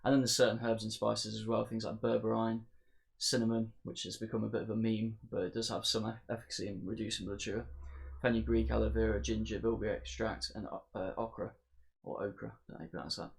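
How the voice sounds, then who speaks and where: A man talks through an explanation to camera in a plain, matter-of-fact manner. His voice sits fairly low, with a gravelly, fry-laden edge. His delivery stays level, with little rise and fall. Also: flat delivery, quick pace. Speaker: channel host.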